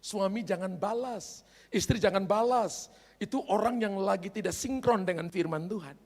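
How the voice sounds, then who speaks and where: High-voiced gravelly man preaching. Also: moderate pace. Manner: lively storyteller acting out voices of his characters. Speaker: pastor. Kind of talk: storytelling sermon. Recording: reverberant hall.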